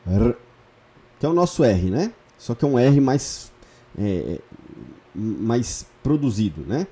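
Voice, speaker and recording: Dark-voiced patient male teacher. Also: mid-range voice. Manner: patient, repeats key points with frequent check-ins. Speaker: Hebrew teacher. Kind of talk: online lesson, explaining step by step.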